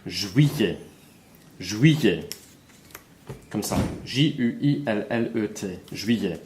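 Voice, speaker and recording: A man's voice: on the low side, lively intonation, takes it slowly, darkish tone, slight background noise. A man teaching a French lesson, spelling words letter by letter and repeating each one for learners.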